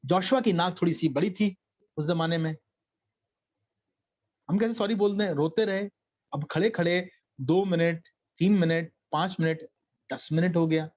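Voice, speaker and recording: A man's voice: high voice, unhurried, long pauses, a little mellow, muffled recording. A middle-aged man preaching a Bible study sermon, telling stories in Hindi and slipping into English phrases.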